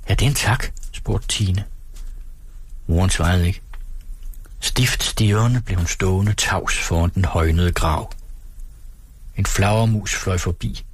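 Low, husky male narrator. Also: long pauses, dry recording. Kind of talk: audiobook reading.

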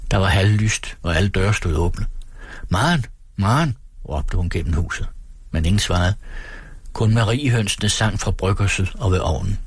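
A man reading a novel aloud as narrator, in a calm, measured way. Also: deep voice, husky, dry recording. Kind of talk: audiobook reading.

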